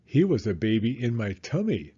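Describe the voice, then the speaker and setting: A man voicing a fond, patient mother pig in a storybook, gently explaining. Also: medium pitch, very animated, moderate pace, slightly rough, highs cut off. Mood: fond reminiscing.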